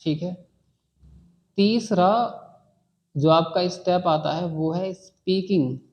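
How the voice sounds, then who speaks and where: A man's voice: high voice, slow. Patient man teaching a class. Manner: patient, repeats key words and checks with "ठीक है". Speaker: English teacher. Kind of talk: classroom lesson. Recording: dull lo-fi sound.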